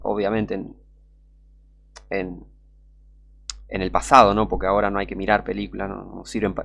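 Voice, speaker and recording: A man's voice: fairly low pitch, gravelly, dull audio. A man with a Rioplatense Spanish accent preaching a fervent, scornful sermon full of rhetorical questions. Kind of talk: impassioned street-style sermon.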